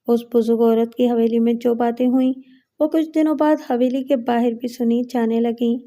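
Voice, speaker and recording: A woman narrates a moral story at a steady, measured pace. Her voice is very dark and mellow and sits slightly high. It is a scripted, read-aloud storytelling delivery.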